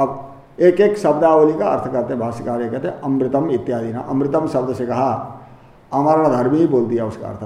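A man's voice: a little high, darkish tone, roomy sound. A man teaching a scriptural commentary, explaining Sanskrit terms word by word in Hindi and rephrasing each point patiently. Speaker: Vedanta teacher.

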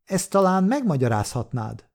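A man's voice: high voice, big pitch swings, darkish tone, pitched above the performer's own voice. A man reading the part of a small-time male thief who talks in a pushy, persuasive way.

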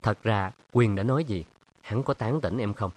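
Narrator doing a jealous brooding young guy, pushy questions, slightly higher than his own voice. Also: normal speed, a little mellow, lightly acted. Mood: accusing. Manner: pressing, accusatory, then pleading. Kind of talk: audiobook character reading.

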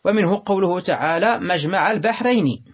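A man teaching Arabic grammar, reading a text and explaining it slowly and deliberately, drawing out words and pausing with hesitations. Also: high-pitched, lively intonation, breathy edge. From Morocco.

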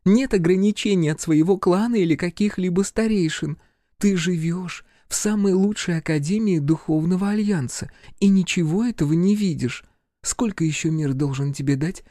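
A man voicing a fierce, scornful young girl in an audiobook, mocking and shouting at a boy. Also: high-pitched, no room sound, clean studio sound, voice pushed up, close to an everyday voice. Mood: lecturing. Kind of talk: audiobook character voice.

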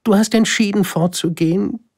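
A man's voice: high voice, normal speed, darkish tone, voice pushed up. A man voicing a proud, fragile female flower in a storybook reading, curt and holding back tears.

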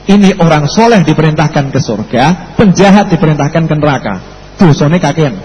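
A man with a Javanese accent preaching a sermon, telling a story in a lively way. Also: on the high side, a little fast. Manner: lively, switches into local dialect. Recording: echoey hall, faint background noise.

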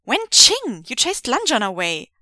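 A cheeky, showy young man played by a woman reader pipes up in a high, excitable whine. His lines come out bright and pushy. The recording is dry and close. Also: a little slow, dry recording, exaggerated voice. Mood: teasing, whiny. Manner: high, loud, excitable whining.

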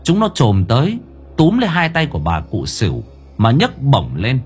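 A man's voice: medium pitch, sing-song. Guy reading a spooky audiobook, voice swings up and down a lot, faint music under it. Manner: dramatic, drawn-out storytelling. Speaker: narrator. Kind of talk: horror audiobook narration.

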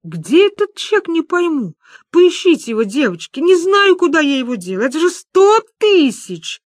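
A woman voicing a distraught older woman who wails and cries out in a high, drawn-out voice. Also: very animated, no echo, studio quality. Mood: wailing.

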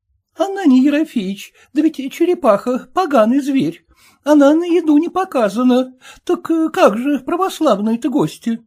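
A man's voice: extremely high pitch, animated, normal speed, darkish tone, voice pushed up. A man voicing a timid, fussy middle-aged merchant's wife who keeps interrupting. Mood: pleading.

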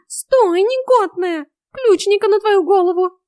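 Woman voicing a high-pitched snarky male cat. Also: animated, normal speed, no room sound, clean studio sound. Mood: scornful. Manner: scolding, rude and theatrical.

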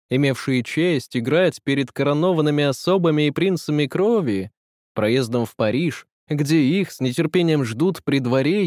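A man voicing a showy male strolling actor who cries out a show in a shrill falsetto with squeals, in a pompous mock-grand manner. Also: a little mellow, no room sound, clean studio sound, natural voice.

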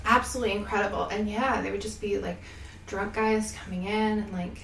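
A woman's voice: mid-range voice, fairly even intonation, brisk, vocal fry, a bit bright. A young woman chatting casually as a podcast guest, with a bubbly, sorority-girl Valley Girl way of talking. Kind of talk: casual chat. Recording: echoey room, faint background noise.

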